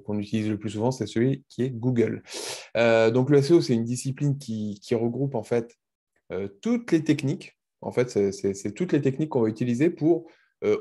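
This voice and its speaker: A man's voice: mid-range voice, warm tone. A man presenting a webinar as a consultant, explaining the basics simply for beginners over a video call.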